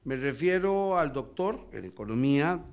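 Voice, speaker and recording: A man with a Costa Rican accent hosting a radio interview, speaking deliberately with frequent hesitations. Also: on the high side, animated. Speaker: radio show host.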